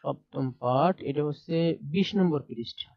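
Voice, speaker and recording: A man's voice: on the high side, normal speed, creaky, no echo, lo-fi sound. A man teaching a primary class over a shared screen, explaining step by step and repeating letter sounds aloud. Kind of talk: screen-share textbook lesson.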